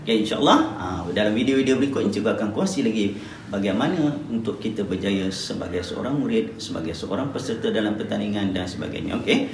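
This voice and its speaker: Animated Malaysian male teacher, roomy distant sound. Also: on the low side, quick pace, creaky. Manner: animated, demonstrates speech intonation. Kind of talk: spoken tips lesson to pupils. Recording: roomy, distant mic, faint ambient noise.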